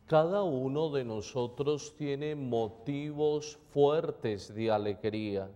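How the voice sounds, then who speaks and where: Priest, slow, cathedral echo. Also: male voice, medium pitch, dark tone, lo-fi sound. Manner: slow, measured, solemn reading. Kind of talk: liturgical gospel reading and homily. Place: large church during Mass. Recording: long church reverb.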